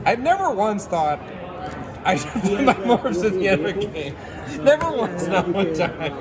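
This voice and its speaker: A man's voice: high-pitched, animated, normal speed. A man playing cards at a convention, bantering playfully and poking fun at himself. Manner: playful, self-mocking. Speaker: card game player. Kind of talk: casual banter. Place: convention hall during a draft. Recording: crowd noise in a busy hall.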